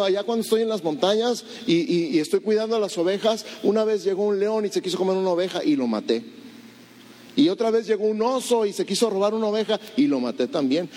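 A man's voice: high-pitched, darkish tone, voice pushed up, natural voice. A brash young shepherd boy, voiced by a preacher, speaks in a raised, emphatic voice. He sounds sure of himself and defiant.

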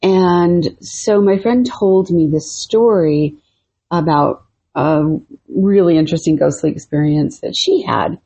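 A woman's voice: on the low side, a little slow, warm tone, breathy edge. A middle-aged woman co-hosting a podcast, chatting casually and retelling a friend's spooky story with easy laughs. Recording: muffled lo-fi podcast audio.

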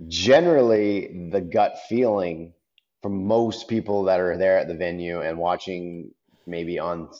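A man's voice: low voice, a little mellow, dull audio. A man judging an event, talking casually on a podcast, rambling with lots of "like" and "you know". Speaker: event judge, podcast guest.

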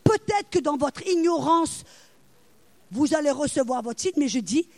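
A woman with a high voice preaches with lots of energy. She tells stories, slips into the voices of the people in them, and sometimes lets out a loud cry. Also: unhurried, dry recording. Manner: animated, acts out voices, cries out loud. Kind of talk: sermon with storytelling.

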